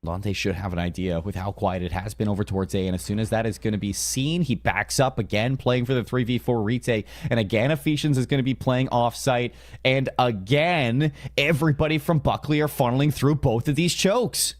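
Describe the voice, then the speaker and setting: Male esports caster with mid-pitched voice. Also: a little fast. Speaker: esports commentator. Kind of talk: live esports commentary and tactical analysis.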